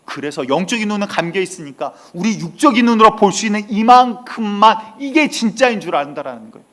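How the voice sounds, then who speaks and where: A man's voice: sits high, lively intonation, fairly quick, a bit bright. A male senior pastor preaching a Sunday sermon with emphatic storytelling and rising outbursts. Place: church sanctuary.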